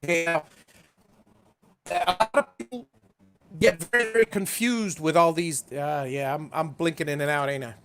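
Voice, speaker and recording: A man with a somewhat high voice explains heating and cooling to a live-stream audience. He stops and restarts his sentences often. His audio comes through a glitchy call that keeps breaking up and cutting out. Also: a bit bright. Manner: halting, repeats words and restarts sentences. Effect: choppy, glitching video-call audio that cuts in and out. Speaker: livestream host explaining home heating and cooling.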